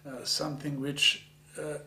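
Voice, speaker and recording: An older man from Macedonia, a native Macedonian speaker, speaks English with a Macedonian accent in a reflective oral history interview, halting and earnest as he searches for words. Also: a little high, level tone, sharp tone. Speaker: interviewee, author of dictionaries. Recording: faint hum and background noise.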